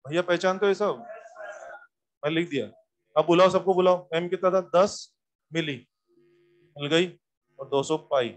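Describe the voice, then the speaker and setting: A man teaching physics in a lively classroom lecture, coaxing students with repeated questions and reminders. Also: high-pitched, normal speed, pauses often.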